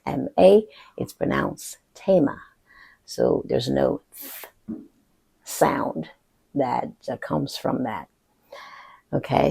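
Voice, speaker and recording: Gravelly Caribbean French-accented woman coach. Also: extremely low pitch, dark tone. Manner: earnest, thoughtful, with pauses and fillers. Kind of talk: reflective personal teaching talk.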